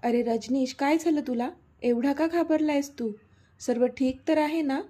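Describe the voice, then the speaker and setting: Woman doing a gentle old dad, worried and kind, husky mellow voice, audio story. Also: on the high side, steady tone, unhurried. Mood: caring. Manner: gentle and caring. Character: elderly kindly father, caring and concerned.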